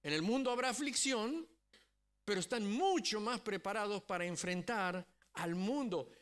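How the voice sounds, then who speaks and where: A man's voice: high voice, animated, moderate pace, fairly bright tone. A man preaching a sermon as a pastor, telling a story and often checking in with the congregation. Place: church.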